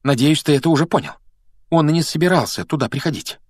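Casting: bossy know-it-all schoolgirl, read by a man, fast, lecturing, raised pitch. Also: darkish tone, dry recording, clean studio sound, close to an everyday voice. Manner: quick, lecturing. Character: bossy clever schoolgirl, out of breath.

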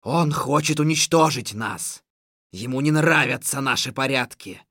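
A woman voicing a menacing, domineering old sorcerer king in a storybook reading, with a drawn-out, commanding delivery. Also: rumbling low, fairly bright tone, no echo, studio quality, voice pushed down, exaggerated voice. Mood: rallying.

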